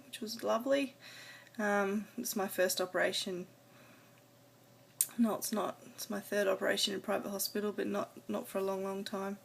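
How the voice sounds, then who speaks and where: A woman with a gravelly, mid-range voice talks casually to camera in a personal video diary. This adult vlogger rambles a little hesitantly and trails off.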